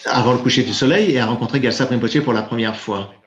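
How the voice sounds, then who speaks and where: Man, live interpreter of a Buddhist teaching, halting, self-correcting, medium pitch, echoey dull recording. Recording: roomy, dull lo-fi sound.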